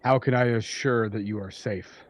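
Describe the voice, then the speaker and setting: A man's voice: fairly low pitch, fairly even intonation, normal speed, close to an everyday voice. Man voicing a polite, formal mountain goat. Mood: guarded, protective. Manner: formal, stilted phrasing. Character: polite, cautious, well-spoken male mountain goat. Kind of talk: tabletop game character voice.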